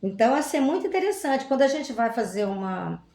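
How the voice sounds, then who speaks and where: Animated teacher in an echoey room. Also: female voice, on the high side, quick pace. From Goiás, Brazil. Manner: animated, teacherly, asks rhetorical questions, playful examples. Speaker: Portuguese teacher, guest. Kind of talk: casual explanatory chat.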